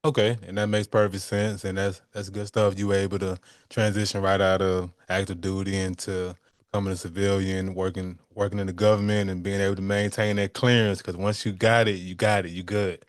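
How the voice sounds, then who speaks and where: A man's voice: low voice, level tone, brisk, no room sound, clean studio sound. A man with an Alabama Southern accent hosting a podcast interview, affirming and polite as he asks questions. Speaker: podcast host. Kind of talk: casual interview chat.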